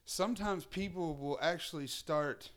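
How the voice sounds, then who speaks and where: A man's voice: on the high side, unhurried, smooth. A man in his thirties hosting a podcast, chatting in an informal, agreeable way with his guest. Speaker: podcast host. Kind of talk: casual interview chat.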